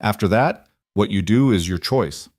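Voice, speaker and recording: A man voicing a calm man of about forty who tends a wounded stranger, speaking quietly with a foreign accent. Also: fairly low pitch, dry recording, studio quality. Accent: foreign accent in English. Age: 40s. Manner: quiet, measured, steady.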